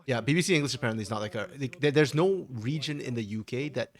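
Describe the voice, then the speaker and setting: A man co-casting an esports stream in a casual, playful chat, quick to tease and joke. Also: mid-range voice. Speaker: esports co-caster.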